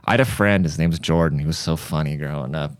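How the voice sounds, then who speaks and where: A man's voice: rumbling low, fast, no echo, clean studio sound. A young man hosting a podcast, telling crude, irreverent stories in a casual comic monologue. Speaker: podcast host.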